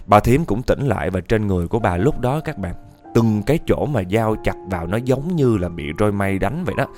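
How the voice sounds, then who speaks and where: A man's voice: fairly low pitch, darkish tone. A man reading a listener's ghost story aloud in a chatty style, often turning to address his audience.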